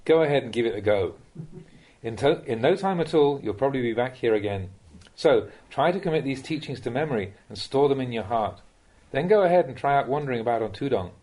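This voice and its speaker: A slightly husky male voice, medium in pitch and a little mellow, reads a Buddhist Dhamma talk as a monk would. The intonation is lively, but the approach remains measured and instructive, directed at the listener.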